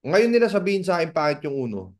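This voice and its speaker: A man from the Philippines giving a motivational seminar talk as a business mentor, animated and asking the audience rhetorical questions. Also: on the high side, fast talker. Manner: animated, acts out dialogues in raised voices.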